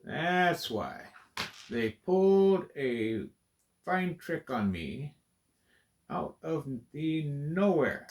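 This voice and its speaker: Brief: gravelly man, slow unhurried delivery, mumbles counts to himself and jokingly scolds the pieces. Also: a little high, big pitch swings. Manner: mutters and counts pieces under his breath; playfully scolds the pieces as rascals. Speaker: video creator. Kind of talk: building vlog, talking to himself.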